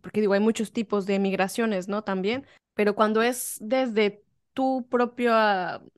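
A woman hosts a relaxed podcast chat, talking freely and circling back as she hunts for the right word. Her voice sits at an ordinary middle pitch. The sound is close and dry, with no room around it. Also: measured pace, clean tone, no room sound. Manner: chatty, searching for words with fillers. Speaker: podcast host. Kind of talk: casual conversation.

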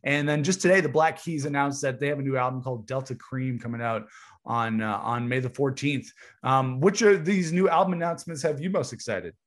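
A man's voice: medium pitch, a little fast. A man co-hosting a podcast in casual music chat. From Canada. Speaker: podcast co-host.

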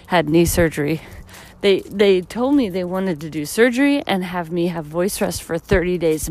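Walking along a street, a tired woman in her thirties records a solo episode of her own podcast. She reflects in a loose, rambling way packed with fillers, her voice slightly deep and husky from fatigue.

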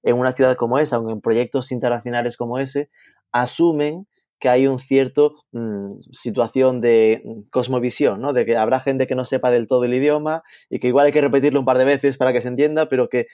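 Casual interviewer with a dry sound. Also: male voice, mid-range voice, fairly even intonation, a little fast, mellow, no room sound. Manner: casual, slangy, laughs often. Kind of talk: conversational interview.

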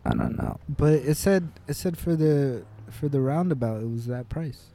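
A man's voice: fairly high pitch, animated, moderate pace, dark tone. A young man co-hosting a podcast in casual chat, laid-back and joking. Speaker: podcast co-host.

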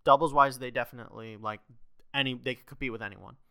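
A bright, crisp-voiced young man co-hosting a podcast. He talks fast and excitably, filling his lines with "like" and breaking into laughs. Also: mid-range voice, no room sound. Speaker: podcast co-host. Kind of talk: casual podcast chat.

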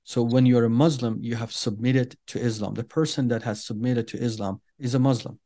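A middle-aged native Farsi speaker from Iran appears as an interview guest, giving earnest personal testimony. His mid-range voice has a steady, dark tone, and he speaks deliberately with many pauses and fillers.

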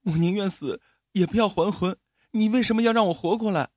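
A man's voice: on the high side, quick pace, a little mellow, dry recording, studio quality, close to an everyday voice. A man voicing a disfigured young village woman who pleads through tears in a storybook tale. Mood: tearful pleading. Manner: pleading, tearful.

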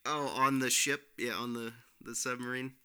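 A man's voice: mid-range voice, level tone, normal speed, sharp tone, smooth, soft background music. A man co-hosting a podcast, chatting casually about films with many fillers and restarts. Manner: rambling, lots of fillers and restarts. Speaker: podcast co-host, film reviewer. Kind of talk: casual film review chat.

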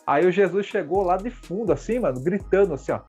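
A young Brazilian man telling amateur football stories in an animated, slangy way. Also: high voice, fast talker, slightly rough, faint music behind. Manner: animated, slangy, lots of "mano". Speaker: podcast co-host. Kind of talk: casual storytelling.

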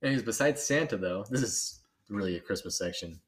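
A man's voice: on the low side, lively intonation, a little fast. A man co-hosting a casual podcast, rambling, trailing off and laughing often. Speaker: podcast co-host. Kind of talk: casual chat.

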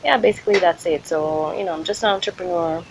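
A woman's voice: on the low side, fast talker, gravelly, background noise. A woman from Kenya with an American accent, hosting a casual solo podcast in an informal, loosely structured, conversational way. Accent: American, picked up in Ohio. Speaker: podcast host and small business owner.

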